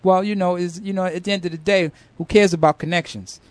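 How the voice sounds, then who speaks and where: A man hosting a hip hop radio show, shouting out names in a sing-song flow and giving earnest advice to callers. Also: high-pitched, fairly even intonation, quick pace, no room sound. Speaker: radio host.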